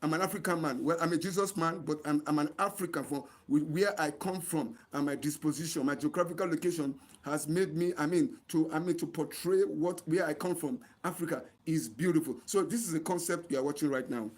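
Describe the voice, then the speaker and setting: This Nigerian host from Delta State, an NGO advocate running an online channel, addresses his livestream viewers earnestly and repeats points to drive them home. He talks a little fast in a slightly high voice, barely pausing.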